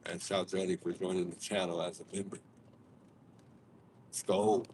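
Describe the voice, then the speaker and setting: A man's voice: sits low, flat delivery, normal speed, noisy background. A man chatting casually and playfully on a livestream as host, with slightly slushy speech from missing teeth, talking in a car. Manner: playful, slangy, informal. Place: inside a moving car.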